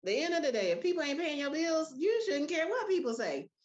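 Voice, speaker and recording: A middle-aged woman hosting a casual podcast chat, telling stories with lively voiced quotes. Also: sits high, a little fast, dull audio. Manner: animated storytelling with voiced quotes. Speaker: podcast host.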